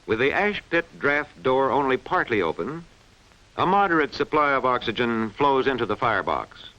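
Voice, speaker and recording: This is scripted narration for an instructional film, voiced by a man whose tone is bright and forceful, medium in pitch and moderate in pace. Every point is explained precisely and clearly, with animated, lively intonation. Muffled and band-limited, the recording resembles a vintage film soundtrack.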